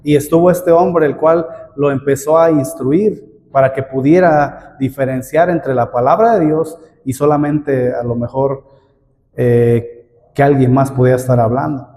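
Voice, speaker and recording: A man's voice: mid-range voice, steady tone, a little slow, dark tone, a little hiss or hum. A middle-aged man preaching a sermon, calling listeners "brother" and asking many rhetorical questions. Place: church hall. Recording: long hall reverb.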